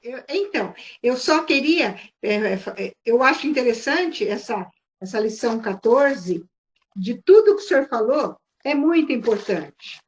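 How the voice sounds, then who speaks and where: A woman takes part in a class discussion and sums up the lesson in a hesitant, polite way. Her voice sits high. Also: lively intonation, unhurried. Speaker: class participant.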